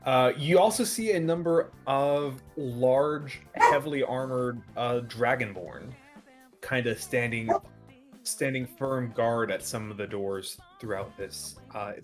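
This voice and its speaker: A man narrating a tabletop role-playing game as game master, describing scenes in a relaxed way with frequent fillers. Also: mid-range voice, takes it slowly, soft background music.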